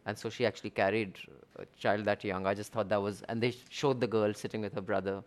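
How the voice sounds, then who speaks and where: Fast-talking Indian-accented man discussing news. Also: fairly low pitch, little pitch movement. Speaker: discussion host. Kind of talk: conversational news commentary.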